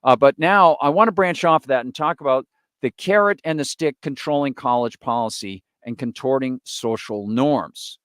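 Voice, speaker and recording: A man's voice: mid-range voice, moderate pace, fairly bright tone, clean tone, no room sound, studio quality. Sarcastic male political stream host. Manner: sarcastic, reads off long lists with asides. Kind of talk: opinionated political commentary.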